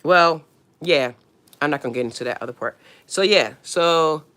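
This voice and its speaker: A woman's voice: low voice, moderate pace, fairly bright tone. A woman hosting a casual astrology livestream, answering viewer questions bluntly with slang and the odd swear word.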